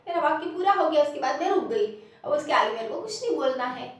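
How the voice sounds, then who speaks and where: A woman teacher with a Rajasthani Hindi accent, giving a classroom lesson, explaining slowly and repeating example sentences with stress. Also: high-pitched, lively intonation, distant mic. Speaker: primary school teacher. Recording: very echoey room, voice off-mic.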